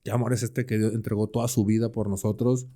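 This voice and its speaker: He talks fast in a lowish, mellow voice with a level tone. On a podcast he co-hosts, he runs through a Bible passage conversationally, leaning on slang, everyday comparisons and rhetorical questions.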